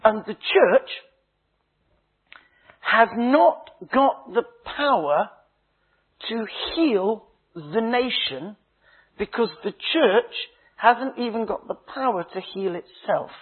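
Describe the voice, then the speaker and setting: Husky preacher on a tinny line. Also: male voice, high voice, lively intonation. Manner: dramatic preaching, slow emphatic phrases dropping to hushed tones; humorous storytelling. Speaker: minister. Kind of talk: sermon. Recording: tinny phone-like sound.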